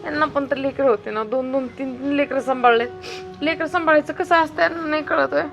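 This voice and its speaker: A worn-out young mother, as a woman acts her out. She talks in a high, tearful voice and keeps complaining and coaxing. Loud background music plays under the comic family sketch. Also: fast talker, vocal fry, muffled recording. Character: exhausted young mother, weepy, overwhelmed by baby.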